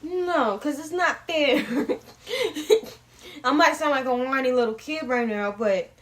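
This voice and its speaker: Young woman sports host, fairly high voice, blunt and opinionated, casual and swearing. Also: measured pace, fairly bright tone.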